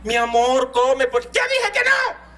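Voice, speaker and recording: A man's voice: very high voice, very animated, takes it slowly, sharp tone, voice pushed up, heavily acted. A man voicing a sweet, doting mother from the capital who coos and pleads with her little boy in a comic story. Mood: coaxing. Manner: coaxing, cooing pet names.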